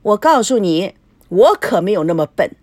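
A woman acts out a shrill, jealous young wife in an audio novel, shrieking insults and sneering at her rivals. Her voice leaps all over its range, recorded dry and close. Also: big pitch swings, normal speed, darkish tone, no echo. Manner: shrieking, scornful.

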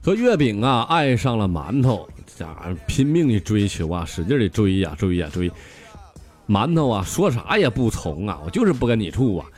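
Man, Northeastern Mandarin accent, stand-up jokes, very animated pitch, stammering restarts, music behind. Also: normal speed. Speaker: comedian. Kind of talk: stand-up joke telling.

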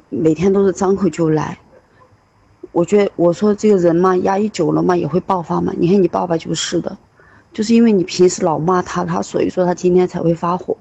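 Here is a mother telling a painful family story in a halting, emotional way. Her voice is gravelly with creak and sounds husky and rough. She keeps acting out the dialogue she quotes. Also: lowish voice, dark tone, poor audio. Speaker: mother of a troubled teen. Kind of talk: recorded personal account.

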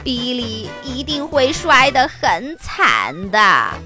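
A woman's voice: on the high side, huge pitch swings, slow, bright, forceful tone, soft background music, heavily acted. A woman voicing a sensible little earthworm who sighs and doubts, speaking wearily. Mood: alarmed. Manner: sighing, weary and skeptical.

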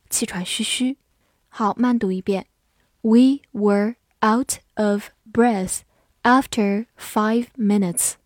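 A woman with a fairly high voice teaches vocabulary in a scripted lesson. She speaks clearly and evenly and slows down to spell words out and read example sentences. Her voice is recorded close and dry, with no room sound. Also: a little mellow, no room sound.

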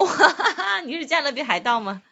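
A woman's voice: fairly high pitch, lively intonation, fast talker, sharp tone, dull audio, a little hiss or hum. A woman reading a picture book with a child, prompting with playful, encouraging questions.

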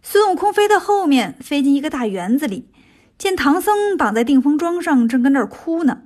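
Woman, children's story narrator, high voice, lively, expressive. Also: normal speed.

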